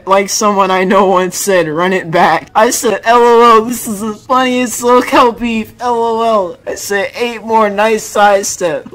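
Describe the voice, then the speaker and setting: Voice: medium pitch, a bit bright. A young adult gaming streamer reading chat messages aloud in casual, slangy commentary, often breaking into laughter.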